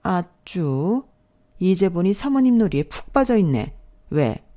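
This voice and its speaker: Brief: woman playing a demanding, greedy stepmother in a storybook drama, low and mellow. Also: sing-song, takes it slowly. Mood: pushy. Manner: pushy, demanding. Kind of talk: storybook dialogue reading.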